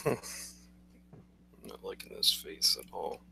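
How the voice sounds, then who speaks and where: A man's voice: slow, pushed and bright, a little hiss or hum. A man drawing live on stream, muttering to himself as he works. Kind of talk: casual live-stream chat.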